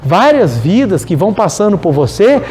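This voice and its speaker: A man with a Brazilian Portuguese accent giving a religious study talk, animated and telling stories while speaking straight to his audience. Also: high voice, moderate pace, background noise. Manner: animated, storytelling, addresses the audience directly. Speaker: spiritual lecturer.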